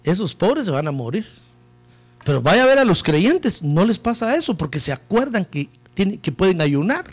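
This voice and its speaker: Male preacher, high and very animated voice, fiery sermon delivery that swings from hushed to shouting. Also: normal speed, faint music behind. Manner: impassioned preaching, swings from low murmurs to shouted peaks; keeps addressing listeners as "hermano". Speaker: pastor.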